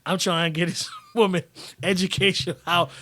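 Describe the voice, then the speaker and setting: A man's voice: high-pitched, normal speed. A man hosting a live stream, reading viewer comments and talking bluntly with lots of swearing. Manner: blunt and profane, animated.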